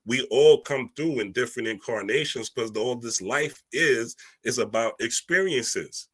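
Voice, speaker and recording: This man speaks a little slowly in a mid-range, slightly rough voice. He's a spiritual reader and speaker giving an informal, preachy monologue with emphasis, streetwise slang, and frequent "right?" check-ins.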